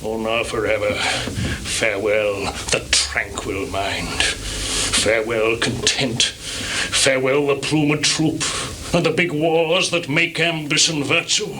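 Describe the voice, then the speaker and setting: An actor playing Othello, a jealous and tormented general, declaiming with passion in live Shakespearean tragedy on a theatre stage. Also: male voice, mid-range voice, close to an everyday voice. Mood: grieving farewell. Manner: declamatory, impassioned, drawn-out oratory. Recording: noisy live theatre recording, 1980s.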